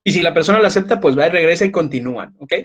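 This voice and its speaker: Man lecturing conversationally, slightly high. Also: animated, rapid-fire. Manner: conversational, repeats points, checks in with "¿ok?"; frequent fillers and restarts. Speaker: psychology lecturer. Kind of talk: recorded online class lecture.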